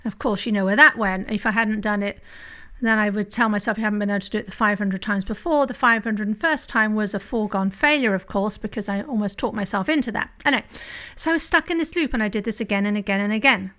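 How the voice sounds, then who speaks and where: A woman's voice: medium pitch, fast talker, pushed and bright. A woman hosting a solo podcast, talking candidly and confessionally, with frequent "right?" asides. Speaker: podcast host and drinking coach.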